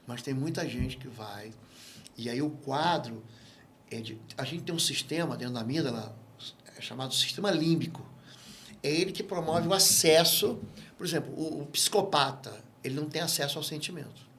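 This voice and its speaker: A Brazilian man speaking as a guest pastor in an interview, with a voice pitched a little high for a man. He explains and teaches in an animated, storytelling way, slipping into other voices for dialogue. A faint hiss sits under the recording. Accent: Brazilian Portuguese. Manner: animated storyteller who acts out quoted dialogue. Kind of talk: interview, teaching on spiritual matters.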